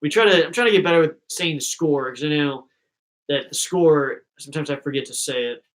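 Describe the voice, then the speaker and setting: A man's voice: a little high, brisk, poor audio. A young man hosting a live fan reaction stream, chatting casually and rambling between thoughts.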